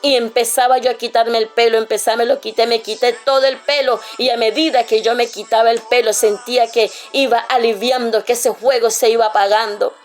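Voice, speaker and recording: Woman from Colombia, sermon testimony, fervent, high pitch. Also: steady tone, fairly quick, hardly any pauses, soft background music. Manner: fervent, repeats "aleluya" and "amada iglesia". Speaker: preacher giving testimony.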